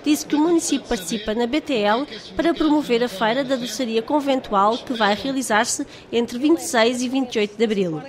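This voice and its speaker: A woman's voice: on the high side, crowd noise. Woman reading a news voice-over. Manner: even, measured reading. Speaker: news reporter. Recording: voice-over with music bed.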